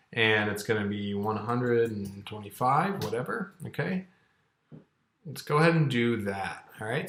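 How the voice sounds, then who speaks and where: Recorded in a reverberant indoor room, this thirtysomething accounting instructor speaks in a mid-range, sharp-toned voice. His screen-share lesson is casual and step-by-step, punctuated by check-ins like "okay" and "all right."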